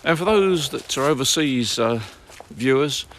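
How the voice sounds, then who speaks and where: A man's voice: mid-range voice, expressive, unhurried, a bit bright, slight background noise. British man, casual amateur radio vlogger. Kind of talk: casual radio contacts and commentary to viewers.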